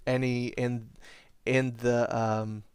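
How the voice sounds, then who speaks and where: A man hosting a podcast, casually recapping a classic movie in a rambling way, chuckling and sometimes breaking into animated impressions. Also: mid-range voice, slow, clean tone, dry recording, clean studio sound. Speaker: podcast host.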